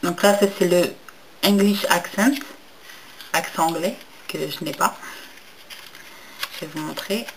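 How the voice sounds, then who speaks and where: A woman's voice: on the low side, steady tone, normal speed, vocal fry, pauses often, a little hiss or hum, low-quality recording. Chatty young woman reviewing makeup. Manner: hesitant, many fillers and restarts; enthusiastic about packaging. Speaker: beauty vlogger. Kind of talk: casual haul review.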